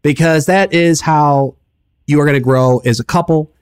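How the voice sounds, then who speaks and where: A man's voice: on the high side, normal speed, clean tone, no room sound, clean studio sound. A man co-hosting a podcast in loose, casual chat, full of fillers like "like" and "you know", with some swearing. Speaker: podcast co-host.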